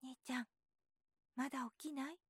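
A woman voicing an eager, worried young boy in a soft, hushed voice while reading a storybook aloud. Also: measured pace, no echo, clean studio sound. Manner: soft, raised pitch, hushed.

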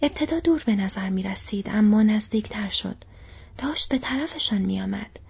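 A woman narrating an audiobook in a soft, hushed, near-whispered storytelling voice. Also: mid-range voice, lively intonation, vocal fry, breathy edge. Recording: dull lo-fi recording.

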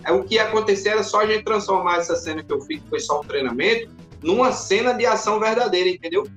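A man's voice: high-pitched, soft background music. Man telling stories in an echoey room. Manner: animated, acts out scenes with quick voice jumps. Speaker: guest. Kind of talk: casual podcast chat.

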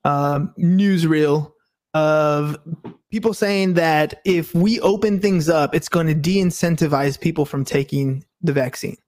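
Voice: mid-range voice, slow, darkish tone. A speaker in a casual debate who talks hesitantly, asking questions and often restarting sentences. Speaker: conversation partner.

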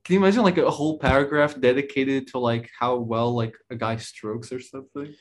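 A man's voice: medium pitch, fairly even intonation, brisk. Rambling, giggly podcast man. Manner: rambling, many fillers, giggly. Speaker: podcast co-host. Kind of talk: casual comedic chat.

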